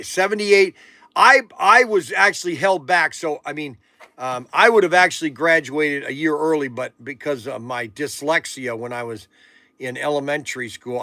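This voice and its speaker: A man's voice: a little high, sharp tone, no room sound. A man in his sixties hosting a casual livestream, rambling and joking with viewers as he reads out their comments. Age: 60s. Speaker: livestream auction host.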